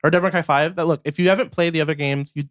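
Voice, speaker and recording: Young male podcast co-host, high and quick, eager and agreeable. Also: fairly even intonation. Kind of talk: casual gaming chat.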